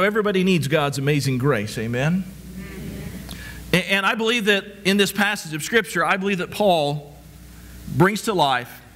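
With a fairly high, a bit bright voice, a middle-aged pastor preaches while walking about a church stage. He keeps asking repetitive rhetorical questions and often stammers and restarts.

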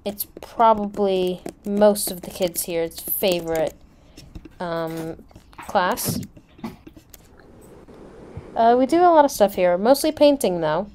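A woman's voice: mid-range voice, slow pace, long pauses, dark tone, lightly acted. A woman playing a helpful school teacher in a casual improvised game roleplay. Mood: explaining. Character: attentive school teacher and lunch server at private school. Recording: noisy home mic with room ambience.

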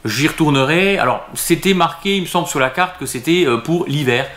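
A man's voice: a little high, a little fast, fairly bright tone, reverberant. A man talking casually to camera as a restaurant vlogger, hesitant and full of fillers and restarts.

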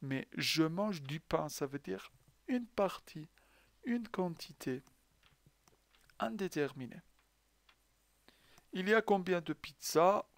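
A man's voice: high voice, animated, takes it slowly, pauses often, dry recording. A man teaching a French lesson to learners who speak Persian. He is patient, asks the class questions and then answers them himself. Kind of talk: language lesson.

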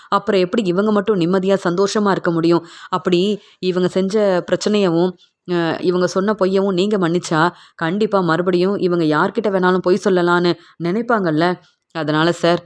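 A woman's voice: on the low side, close to an everyday voice. A woman reading the lines of an older father pleading on his son's behalf, in a retelling of a TV serial scene. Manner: pleading, aggrieved.

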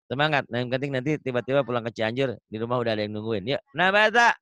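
A man with a Sundanese accent teaching a Quran reading lesson over a video call, patiently modeling syllables slowly for the student to repeat, with light teasing. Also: medium pitch, animated, pushed and bright, clean tone, no room sound. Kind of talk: online one-on-one reading lesson.

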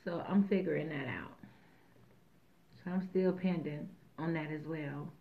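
A woman's voice: low voice, unhurried, vocal fry. A woman hosting a mukbang video, chatting casually and rambling with jokes between bites. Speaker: mukbang host. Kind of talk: casual chat while eating. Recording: tinny phone-like sound.

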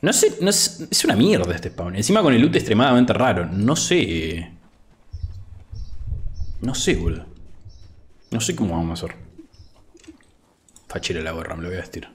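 A young Argentine man in his twenties, with a voice on the low side, chats on a casual gaming livestream from a room at home using an over-ear headset. Very animated at a moderate pace with long pauses, he's laid-back and chatty, reads chat aloud and says "boludo" often, with a little hiss or hum in the audio.

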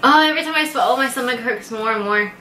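A woman's voice: a little high, fast talker, pushed and bright. A young woman chatting in casual slang and suffering, her mouth burning from spicy food. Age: young adult. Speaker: vlogger doing a food challenge. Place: small indoor room at a table. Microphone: camera a short distance away. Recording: roomy echo, faint background noise.

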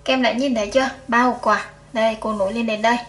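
A woman teacher with a slightly high voice walks young pupils through a first-grade math exercise. She counts aloud slowly and patiently, one item at a time. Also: fairly even intonation, fairly bright tone. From Vietnam.

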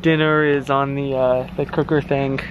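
A man's voice: medium pitch, flat delivery, normal speed, dull audio. A man talking casually to the camera in an upbeat, chatty way while walking a coastal trail, laughing often. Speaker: vlogger. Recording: clear outdoor background noise.

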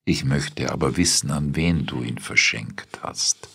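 A man's voice: deep voice, slow, creaky, a bit bright, breathy edge, no echo, clean studio sound, exaggerated voice. A man voicing a stiff, formal old general who asks curtly, in a spoken story. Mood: wistful.

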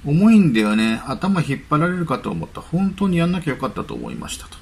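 Man, channel host, casual news commentary, husky, lively up-and-down delivery, reads then chats. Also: fairly high pitch, fast. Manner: reads news items aloud, then muses with chatty asides.

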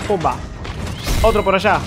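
A young man hosting a video reaction, talking in an excitable, jokey casual way with slang. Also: high voice, moderate pace. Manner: excitable, jokey, uses Latin American slang. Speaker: YouTube reaction host. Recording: music playing loudly behind.

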